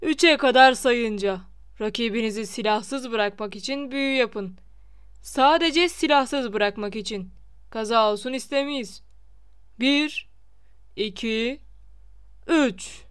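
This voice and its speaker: A woman voicing a vain, flustered male wizard professor in an audiobook, calling out in loud, theatrical exclamations. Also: a little high, slow, long pauses, clear, resonant tone. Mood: commanding. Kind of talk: audiobook character reading.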